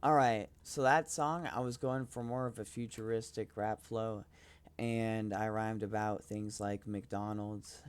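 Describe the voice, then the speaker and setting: A man's voice: fairly low pitch, steady tone, measured pace, clear, resonant tone. A young man rambling casually about his music on his own podcast, hesitant and self-promoting. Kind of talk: casual solo podcast talk.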